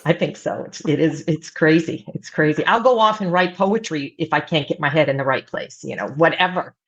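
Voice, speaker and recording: A middle-aged American woman who grew up mostly in Virginia Beach speaks casually as a guest on an interview, a writing coach who rambles with lots of fillers and restarts. Her voice is low and brisk, and the audio is dull.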